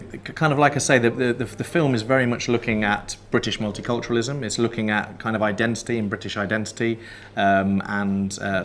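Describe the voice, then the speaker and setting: A man from South Wales, a writer and director, explaining his work in a festival interview in a measured way, pausing often. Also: on the low side, a bit bright. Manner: measured, explanatory, pauses with fillers.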